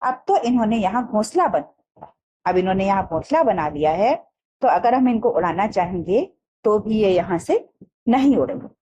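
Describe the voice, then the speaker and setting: Teacher lady reading a lesson then explaining it line by line, mellow, soft low rumble behind. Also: animated, normal speed, lo-fi sound. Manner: repeats each line and paraphrases it simply. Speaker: Hindi teacher.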